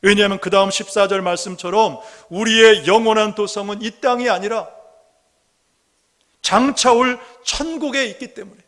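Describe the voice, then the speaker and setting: High-voiced pastor preaching in a reverberant hall. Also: male voice, a bit bright. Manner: earnest preaching, slows to read scripture aloud, rhetorical questions. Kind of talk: sermon. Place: church sanctuary. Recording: long reverb of a church hall.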